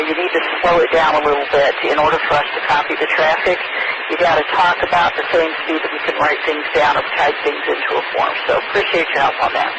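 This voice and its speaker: A woman with a folksy, courteous manner running a radio net and reading weather bulletins over two-way radio. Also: low-pitched. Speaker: net control operator. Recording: very noisy, crackly radio transmission.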